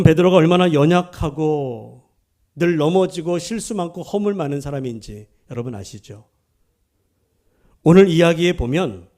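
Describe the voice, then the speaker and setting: A male pastor delivers a sermon in a fairly high voice. He presses his points with emphasis and keeps asking the congregation questions. He answers those questions himself. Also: mellow. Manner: emphatic, asks the listeners rhetorical questions; acts out quoted speech within the preaching.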